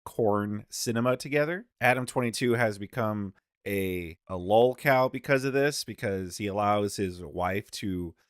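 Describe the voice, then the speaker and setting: A man's voice: fairly low pitch, unhurried, no echo, studio quality. A man giving loose, casual reaction commentary on a clip, with lots of fillers and an incredulous tone.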